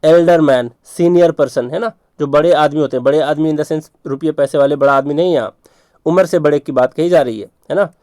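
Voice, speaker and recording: A man's voice: a little high, a little fast, darkish tone, no echo. Man teaching vocabulary, dry close sound. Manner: repetitive, checks in often with rhetorical questions. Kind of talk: exam vocabulary lesson.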